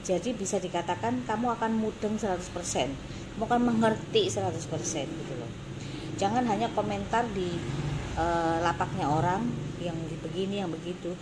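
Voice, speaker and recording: This is a woman in her thirties from Indonesia, with an East Javanese accent, who owns a beauty salon and teaches courses. Filmed on a phone held at arm's length in her small indoor salon office, she explains things to camera casually, bluntly, emphatically and repetitively, her fairly low voice at normal speed. The recording is noisy and carries room ambience.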